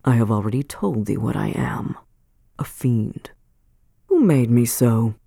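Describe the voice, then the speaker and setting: A woman reading aloud and voicing a bitter, vengeful old man in a low, slow, menacing way. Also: animated, gravelly, dark tone, husky, no echo, clean studio sound, exaggerated voice.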